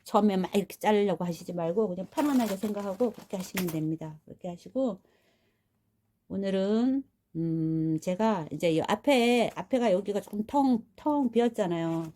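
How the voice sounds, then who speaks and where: In a rural home, a florist demonstrates flower wrapping in a casual, hands-on tutorial, chatting viewers through each step as she works. Her voice is mellow and medium-pitched, at a normal speed.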